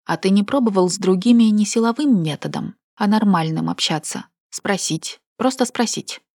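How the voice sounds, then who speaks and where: A woman's voice: medium pitch, moderate pace, creaky, darkish tone, no room sound, clean studio sound, pitched above the performer's own voice. A woman reading the lines of a wounded, indignant young woman in a heated, emotional, accusing way. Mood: pained.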